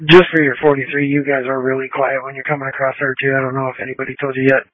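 A man, a police officer, calling in over a police radio transmission in brisk radio procedure. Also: medium pitch, monotone, no room sound. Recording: narrow crackly two-way radio.

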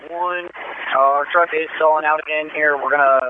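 A fairly high-pitched man calls in over a two-way radio, his voice squeezed thin and tinny by the handset. Static bursts crackle loudly around each transmission as he runs through clipped military radio procedure. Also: fairly even intonation, normal speed. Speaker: radio operator.

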